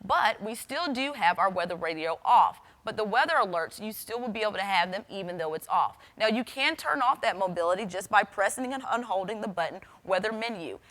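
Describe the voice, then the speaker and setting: Brisk and animated with hardly any pauses, a woman weather forecaster in a mid-range, slightly bright voice explains a product step by step to the camera, addressing the viewer directly.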